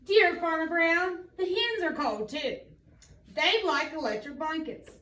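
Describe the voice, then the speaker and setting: Polite, stubborn cows, voiced by a woman, slow measured notes, far from mic. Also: very high-pitched, a bit bright, a little hiss or hum. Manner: plain, measured letter reading. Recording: echoey room, mic far off.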